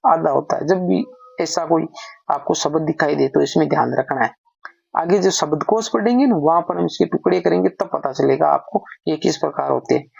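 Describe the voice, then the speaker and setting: A man's voice: high voice, creaky, a little mellow, no room sound. A man teaching a grammar lesson, patiently asking questions and answering them himself. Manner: patient, asks then answers own questions. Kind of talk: explaining lesson while writing. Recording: dull lo-fi recording.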